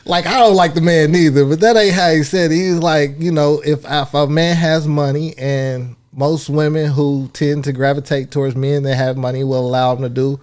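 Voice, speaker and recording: An American man on a casual podcast debate, his voice sitting a bit high for a man. He argues earnestly and bluntly in long stretches, pushing his view without pause. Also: steady tone, darkish tone, clear, resonant tone. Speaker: podcast co-host.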